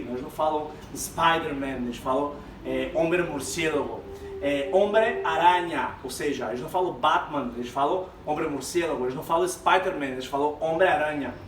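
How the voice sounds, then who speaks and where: A Brazilian man teaching a Spanish lesson, explaining terms to his students in an animated, direct way. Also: high-pitched. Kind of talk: classroom lesson mixing Spanish and Portuguese. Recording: echoey room, far from mic, faint background noise.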